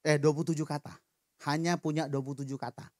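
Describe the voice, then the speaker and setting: A man preaching a sermon in a church, lively and joking with the congregation. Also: on the high side, fast, dry recording, studio quality. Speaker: pastor. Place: church hall.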